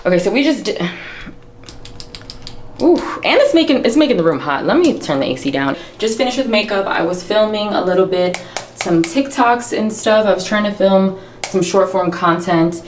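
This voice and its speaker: In an echoey hotel room, a woman fashion vlogger with an expressive mid-range voice chats casually while getting ready, at a moderate pace with slight background noise. Playful and talkative, she addresses viewers as "you guys" and "y'all."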